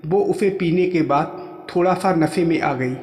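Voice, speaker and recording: A man telling a first-person story in plain, steady narration. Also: fairly high pitch, unhurried, soft background music. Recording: echoey room with long reverb.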